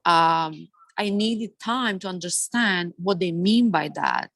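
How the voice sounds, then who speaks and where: A woman from Serbia with a Serbian accent, speaking on a webinar panel in a halting way with many fillers and restarts. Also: fairly low pitch, fairly bright tone, no room sound. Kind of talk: webinar discussion. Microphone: video call.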